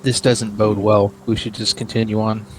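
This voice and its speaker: Wary low-voiced male player. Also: level tone, normal speed, slight background noise. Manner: wary, grumbling. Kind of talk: casual tabletop game chat.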